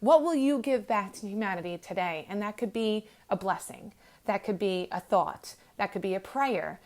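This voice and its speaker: Earnest young woman, gentle motivational talk. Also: mid-range voice, normal speed. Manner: earnest, gentle, many ums and restarts. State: emotional, near tears. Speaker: host. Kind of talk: heartfelt motivational monologue.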